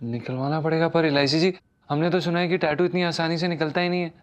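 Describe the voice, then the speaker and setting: A man's voice: on the high side, steady tone, fast, lightly acted. A man playing a polite, nervous sitcom lead. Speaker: lead comic character.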